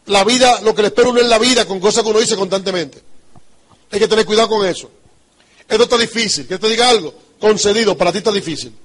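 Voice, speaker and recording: Emphatic Dominican man, high voice. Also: a bit bright. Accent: Dominican Spanish. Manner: emphatic, repetitive, rhetorical questions. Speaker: business trainer. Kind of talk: motivational talk.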